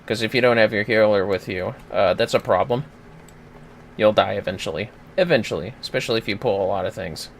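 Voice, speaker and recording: This gaming host speaks in a lowish voice at a fairly quick clip, with a little hiss or hum in the audio. Music plays behind him as he livestreams, breaking down tactics step by step in loose, profane commentary.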